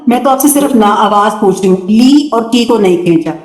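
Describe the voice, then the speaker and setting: A woman teaching tajweed in an online class, patient and encouraging, slowly repeating words for her students. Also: fairly high pitch, animated, darkish tone, reverberant. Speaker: Quran recitation teacher. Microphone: computer mic in an online video class.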